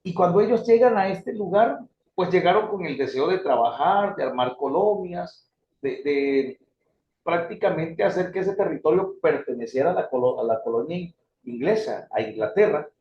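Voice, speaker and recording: In a classroom lecture on theology history, the instructor speaks at a normal speed in a slightly high voice, calling the students "brothers," his intonation rising and dropping lively as he explains. The echoey room produces a dull lo-fi sound, along with a little hiss or hum.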